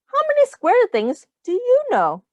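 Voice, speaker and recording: Her very high voice swings hugely in pitch as this teacher reads a picture book to young children, keeping explanations simple and stopping to ask questions. The audio is dull, with no room sound.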